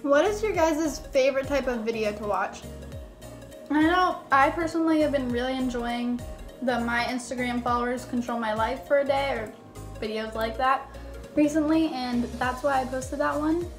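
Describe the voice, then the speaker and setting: A woman's voice: high voice, normal speed. A young woman chatting casually to her viewers as a vlogger, sprinkling her talk with "like". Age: young adult. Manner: chatty, filler-heavy with frequent "like". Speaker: YouTuber. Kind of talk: casual chit-chat vlog to viewers. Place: small bedroom, indoors. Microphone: phone at arm's length. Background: background music.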